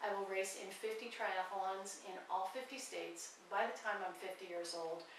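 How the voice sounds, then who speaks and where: A woman's voice: mid-range voice, steady tone, normal speed. Passionate woman in her forties, echoey room. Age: 40s. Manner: earnest and urgent. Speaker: guest. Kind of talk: impassioned awareness appeal. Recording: echoey room from far off, faint noise.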